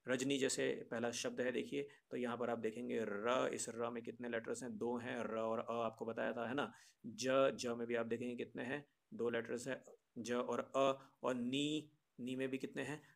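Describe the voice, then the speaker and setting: Gravelly-voiced patient male teacher. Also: medium pitch, flat delivery, normal speed. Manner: patient, explaining to children with rhetorical questions. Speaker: Sanskrit teacher. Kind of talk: online grammar lesson.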